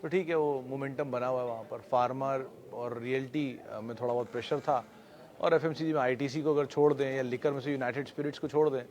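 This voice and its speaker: Male market show host, mid-pitched, steady explainer with filler pauses. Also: lo-fi sound. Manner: steady explanatory delivery with frequent filler hesitations. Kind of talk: daily stock market wrap-up.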